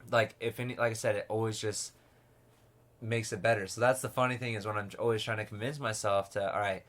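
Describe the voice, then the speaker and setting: A man's voice: fairly low pitch, steady tone, a little fast, fairly bright tone. A man in casual podcast conversation, rambling and peppering his talk with "like" and restarts.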